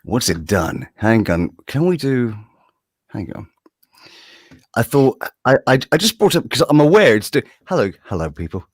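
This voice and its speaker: Man, voice jumping loud and soft from auto gain. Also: mid-range voice, very animated, moderate pace, slightly rough, dry recording. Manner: chatty, fumbling with tech, self-mocking. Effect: uneven automatic gain, volume jumping up and down. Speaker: voiceover artist guest. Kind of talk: casual interview over video call. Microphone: video call microphone.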